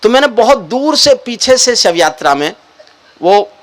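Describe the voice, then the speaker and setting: An older man, a poet, telling jokes and stories to a live audience with animated, expressive delivery. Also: extremely high pitch, measured pace. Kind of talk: stage poetry and joke telling to a live audience. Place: live event stage.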